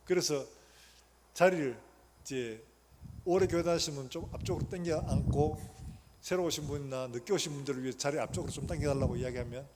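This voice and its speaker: A man's voice: fairly high pitch, brisk. A man preaching a sermon as pastor, emphatic and asking the congregation questions that he then answers himself. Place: church sanctuary. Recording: long church hall reverb, faint noise.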